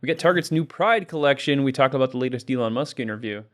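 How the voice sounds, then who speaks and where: A man's voice: mid-range voice, fast. A man in his thirties hosting a comedy podcast, joking around and reading promos. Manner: upbeat, joking, reads ad copy. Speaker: podcast host. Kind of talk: casual comedy podcast chat.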